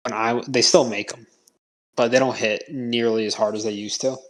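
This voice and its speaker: A man speaks as a podcast co-host, chatting casually at a middle pitch. His delivery is informal and conversational, with a self-deprecating way of putting things. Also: fairly even intonation, moderate pace, rough recording.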